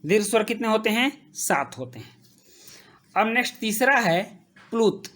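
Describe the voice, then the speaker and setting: A woman teaching a grammar lesson, slowly repeating each term as she writes and checking in with her students. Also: fairly high pitch, expressive. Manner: slow, repeats terms while writing, checks in with "ठीक".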